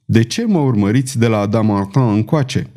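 A man's voice: on the low side, lively intonation, mellow, natural voice. A man voicing a tense, fearful male courier in an audiobook, his voice rising when he is cornered. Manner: anxious, defiant, voice rising under pressure. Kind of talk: audiobook character voice.

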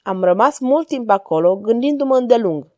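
A woman narrating a story in a calm, even reading voice. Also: on the high side, no echo, highs cut off.

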